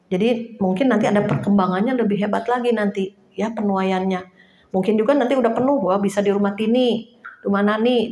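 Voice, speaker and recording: A woman preaching an informal sermon to a small house church, chatty and lively, laughing now and then and acting out little quotes. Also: medium pitch, roomy sound.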